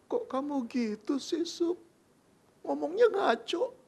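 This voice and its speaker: A man's voice: very high voice, animated, slow pace, gravelly, a little mellow, voice pushed up, exaggerated voice. A man voicing a frightened young bride-to-be. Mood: upset. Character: anxious young woman pleading with her fiancé.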